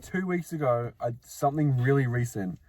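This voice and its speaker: Young man, mid pitch, casual storytelling, laughs and swears a lot. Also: normal speed, noisy background. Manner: laughs often, swears, mocks customers. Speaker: podcast co-host.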